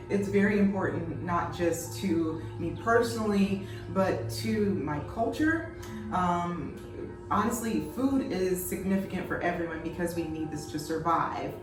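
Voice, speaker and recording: A young woman hosting a casual cooking chat, upbeat, laughing easily and asking her guest questions. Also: fairly low pitch. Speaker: host. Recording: roomy echo, far from mic, music behind.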